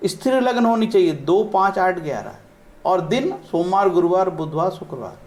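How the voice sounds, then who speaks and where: Man, high voice, casual lesson, chatty, slow verse chanting. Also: animated, darkish tone. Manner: conversational, slips in English words, often says "ठीक है"; chants Sanskrit verses slowly. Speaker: astrologer teaching from scriptures.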